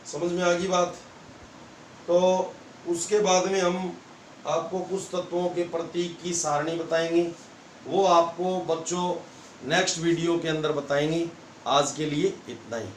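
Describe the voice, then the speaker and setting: A man with a Rajasthani Hindi accent teaching a school science class, explaining slowly and repeating points for the students. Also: fairly high pitch, slight background noise. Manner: slow, repetitive explaining to students. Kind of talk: classroom lesson. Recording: echoey room, mic far off.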